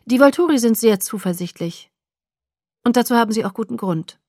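A woman reading the lines of a confident young male vampire, calmly explaining a plan in a dry, close recording. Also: on the high side, brisk, dry recording.

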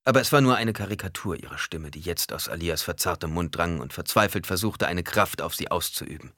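Male narrator, deep but crisp voice, dry close sound. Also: expressive, fairly quick, sharp tone, dry recording. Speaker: audiobook narrator. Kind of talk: scripted narration.

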